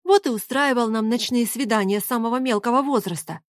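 A woman's voice: on the high side, a little fast, no room sound, studio quality, lightly acted. A woman reading an audiobook, voicing a spirited, teasing young woman with a mocking, bossy manner.

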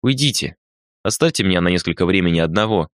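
A man's voice: deep voice, lively intonation, quick pace, no echo, clean studio sound. A man voicing a wounded young man who speaks coldly and curtly. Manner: cold, curt.

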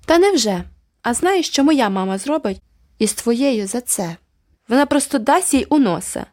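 A woman's voice: mid-range voice, expressive, normal speed, dark tone, no echo, studio quality, voice pushed up. A woman voicing a prim, haughty seven-year-old girl who insists stubbornly. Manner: stubborn and superior.

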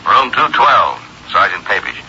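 A blunt, businesslike police sergeant comes through a telephone line, his voice very deep yet sharp and forceful at the edges. He gives facts flatly in the manner of a 1950s radio drama. The old broadcast recording sounds muffled, with a faint hiss. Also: measured pace, heavily acted. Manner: blunt, matter-of-fact. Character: gruff male police robbery sergeant. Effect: voice over a telephone line.

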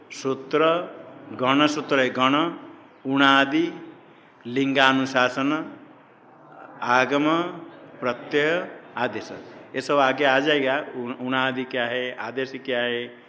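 A male teacher works through a grammar lesson at an unhurried pace. He repeats each term and keeps quizzing his students. His voice rings with the long reverb of a large hall. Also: mid-range voice, sharp tone, a little hiss or hum. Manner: slow, repeats terms and quizzes the class. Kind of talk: classroom teaching with questions to students. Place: ashram classroom.

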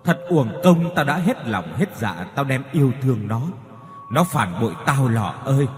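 A vengeful young ghost spits out his grievances with grief and fury, as a man reads him out. The voice rises and falls in lively swings. A long reverb and faint background music surround it. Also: medium pitch, a little slow. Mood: furious. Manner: bitter, grieving, teeth-gritting.

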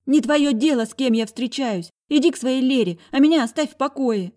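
A woman voicing a defiant eighteen-year-old girl, shrill and indignant in an audiobook. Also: brisk, darkish tone, lightly acted. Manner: shrill, indignant, pushing back. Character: bratty defiant young woman, hot-tempered.

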